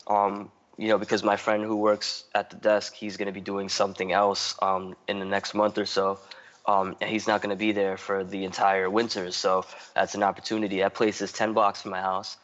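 A man talking as a podcast guest in a relaxed, loose ramble. His voice sits a bit low. He leans on "like" constantly, restarts his sentences and swears casually. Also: normal speed, dull audio. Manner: rambling, heavy use of "like" and restarts. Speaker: guest artist.

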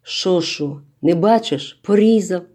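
A woman voicing a stubborn teenage village boy who brushes things off gruffly in a storybook reading. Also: on the low side, slow, mellow. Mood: irritated.

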